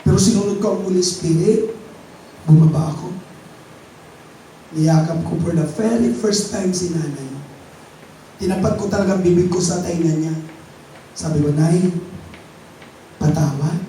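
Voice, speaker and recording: A Filipino man preaching in a high, mellow voice, telling a personal story with strong feeling and climbing into a pleading pitch. He is heard from a distance in a very echoey church room with faint hiss. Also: normal speed, long pauses. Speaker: pastor. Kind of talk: sermon.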